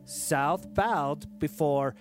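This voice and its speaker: A man doing a slow, smug dictator king. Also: on the high side, faint music behind, pitched above the performer's own voice. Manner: broken English, slow and deadpan. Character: cruel pompous self-aggrandizing male dictator king. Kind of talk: comedic diary-reading monologue.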